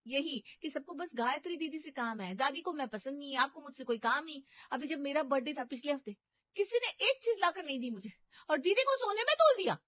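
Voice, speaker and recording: A woman voices a touchy young daughter-in-law in a cartoon who is quick to quarrel. Her voice is high and she talks fast. The recording is dry and slightly dull. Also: lively intonation, no room sound. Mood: angry.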